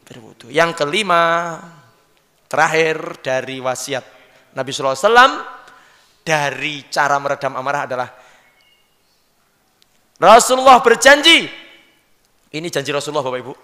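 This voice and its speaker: A man with a Javanese accent giving a lively sermon, often questioning his audience directly. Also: fairly high pitch, brisk. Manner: lively, questions the audience, mixes in local words. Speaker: preacher. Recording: long hall reverb.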